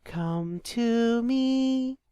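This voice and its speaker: A man voicing an eager young male creature with a tail, chanting in a sing-song way and crying out in excitement. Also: high voice, very slow, no room sound, lo-fi sound, pitched above the performer's own voice, full character voice.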